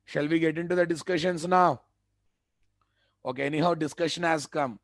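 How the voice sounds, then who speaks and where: In clean studio sound with no echo, a man with a fairly high, fairly even voice speaks at normal speed in Telugu-accented Indian English. A web development instructor giving a live online lecture, he's emphatic and repetitive, often checking in with rhetorical questions.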